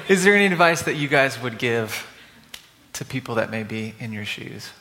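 A man's voice: medium pitch, sharp tone. A man hosting an onstage interview before an audience, upbeat and encouraging. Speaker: host interviewing church members. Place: church hall before an audience. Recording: echoey hall with audience noise.

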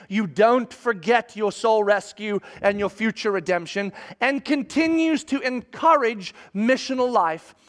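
A middle-aged pastor preaches an emphatic sermon to his congregation, weaving in stories. His voice is extremely high-pitched with a fairly bright tone.

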